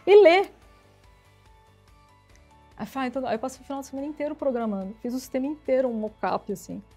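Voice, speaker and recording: Lively woman telling stories. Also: sits high, very fast, few pauses, breathy edge, soft background music. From São Paulo, Brazil. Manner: lively storyteller acting out quoted dialogue. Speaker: interview guest, IT executive. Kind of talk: casual storytelling interview.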